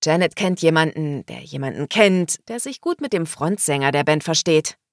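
A woman voicing a calm, affectionate young man in a storybook, a little lower than her narration. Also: normal speed, no room sound, clean studio sound.

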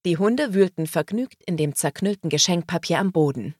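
A woman reading a novel aloud as audiobook narrator, in slow, even storytelling. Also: lowish voice, no echo, clean studio sound.

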